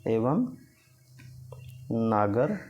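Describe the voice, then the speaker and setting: A male teacher delivers an exam-prep lecture at an unhurried pace. His voice sits at a middle pitch as he dictates facts for notes and repeats the key points. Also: big pitch swings, a little mellow, dull audio. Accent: Hindi.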